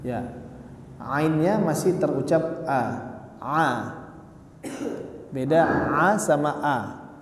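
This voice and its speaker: A man leads a Quran recitation class in a mosque hall. He speaks slowly and patiently, sounding out each letter for his students. His slightly high voice carries a long echo around the room. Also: animated. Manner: patient, corrects pronunciation by modelling sounds slowly. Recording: roomy, echoey mosque hall.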